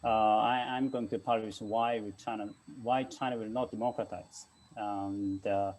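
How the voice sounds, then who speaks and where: A man's voice: lowish voice, steady tone, a little slow, a little mellow, poor audio. A man from Japan, speaking English as a guest lecturer and leaning on "you know" fillers between points. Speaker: guest speaker, China scholar. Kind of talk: lecture-style talk.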